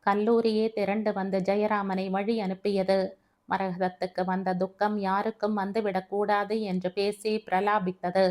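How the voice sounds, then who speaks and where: A woman's voice: medium pitch, a little mellow. Woman narrating an emotional family story.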